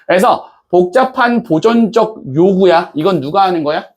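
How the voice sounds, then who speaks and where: High-voiced man teaching a class. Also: expressive, moderate pace, a little mellow. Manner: constantly checks in with students, asking questions; casual banter-style speech to students. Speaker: English teacher. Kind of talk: classroom lecture.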